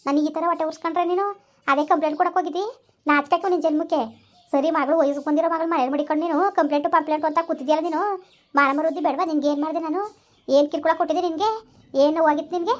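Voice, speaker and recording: A fiery village wife argues back and hurls curses at her husband, played by a woman. Her voice is high and shrill, and her words come out at a furious pace. It is a rural comedy sketch. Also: fairly even intonation, racing, natural voice. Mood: cursing. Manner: argumentative, shrill, cursing. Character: fiery village wife, quick-tongued and cursing.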